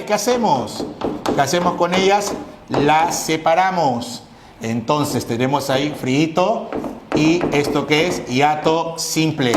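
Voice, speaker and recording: A male teacher giving a grammar lesson, asking questions and answering them himself, spelling out syllables slowly. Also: high voice, roomy sound, noisy background.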